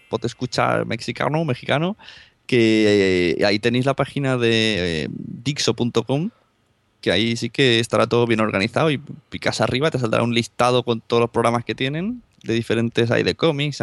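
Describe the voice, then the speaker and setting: A man's voice: medium pitch, moderate pace, no room sound. A man with a Spanish accent, a guest podcaster chatting casually and laughing often as he tells anecdotes. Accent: Spanish (Spain). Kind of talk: casual chat.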